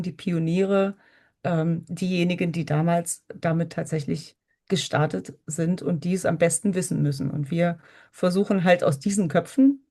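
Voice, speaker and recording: Woman co-presenter explaining stuff informally, lowish dark soft-edged voice.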